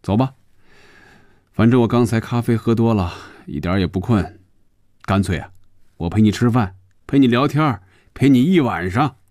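A man voicing an impatient but softhearted young man who talks in a brisk, teasing, casual way, in a storybook radio reading. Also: mid-range voice, dry recording, studio quality, voice pushed up, lightly acted. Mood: tender.

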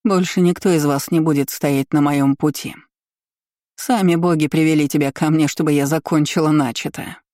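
An imperious, scheming empress of middle years who sneers and barks orders at her servants, as a male narrator puts her on. The tone is mellow and the sound dry and close. Heard in an audiobook reading. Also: on the high side, fairly even intonation, moderate pace, no echo, lightly acted. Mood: gloating. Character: spiteful scheming middle-aged empress, woman.

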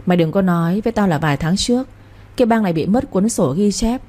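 A woman voicing a cruel older female crime boss, deep and warm in tone but sharp and shrewish, sneering and commanding. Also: expressive, fast talker, lightly acted.

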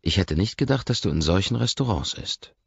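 A male audiobook narrator voices a young woman in love, speaking in a soft, coy and teasing way. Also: sits low, animated, a little fast, creaky, husky, dry recording, muffled recording, voice pushed up, exaggerated voice. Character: young woman, shy yet teasing lover.

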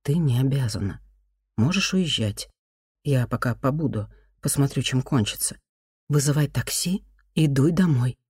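A reader voicing a calm, dry-humored woman in an audiobook, quietly reassuring a younger relative. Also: medium pitch, moderate pace, breathy edge, no room sound. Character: calm, dry middle-aged woman journalist.

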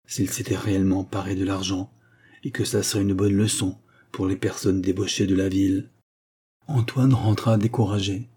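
A male audiobook narrator reading a classic novel in a steady, measured way. His voice is low-pitched and dark in tone, with a slightly husky texture. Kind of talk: scripted literary narration.

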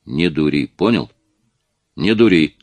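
A man's voice: rumbling low, big pitch swings, a little slow, no room sound, heavily acted. Man reading as a stern, curt young man.

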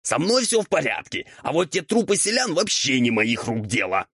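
A sly old ghoul whines and squabbles in a husky, raised voice, as a man puts him on for an audiobook. His pitch swoops as he argues, and the recording is close and dry. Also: sing-song, a bit bright, no room sound, exaggerated voice. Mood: squabbling. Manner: quick, indignant squabbling. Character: old bickering male ghoul mentor, sly and whiny. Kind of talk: audiobook character voice.

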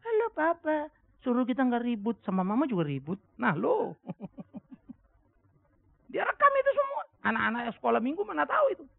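A middle-aged male pastor delivers a sermon in a high-pitched, gravelly voice. He tells stories with lively pitch swings and acts out the other people's voices. The recording is dry and thin, like a phone line. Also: fairly quick, no echo. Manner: animated storytelling, acting out voices with big pitch jumps. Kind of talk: sermon with anecdotes. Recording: dry, phone-like narrow sound.

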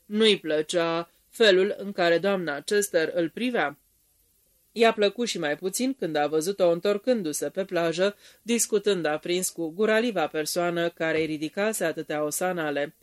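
Narrator steady storytelling, reading a novel aloud at a table read. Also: mid-range voice.

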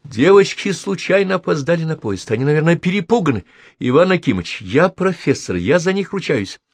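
A man's voice: on the high side, big pitch swings, a little fast, no echo, pitched above the performer's own voice. A man doing a flustered woman professor. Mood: pleading. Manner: anxious, pleading, then indignant shouting.

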